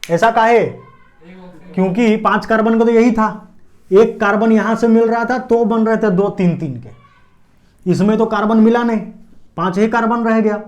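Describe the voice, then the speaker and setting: High-voiced man teaching biology at a board. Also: steady tone, moderate pace. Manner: asks and answers his own questions, checking understanding. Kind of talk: classroom lecture at a board.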